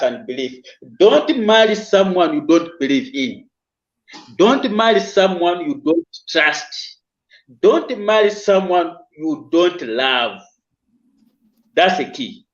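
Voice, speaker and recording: A man speaking as a guest evangelist on a talk show, giving sermon-like advice and repeating key words in threes. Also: fairly high pitch. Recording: roomy, dull lo-fi sound.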